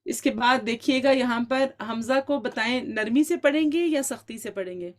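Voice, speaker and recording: A woman teaching an online Quran recitation lesson, quizzing her students and encouraging them, with English words mixed into her Urdu. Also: on the high side. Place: online class.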